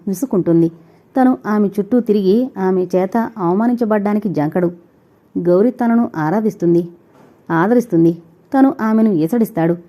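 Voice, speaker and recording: Dark-toned woman narrating a novel. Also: mid-range voice. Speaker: audiobook narrator.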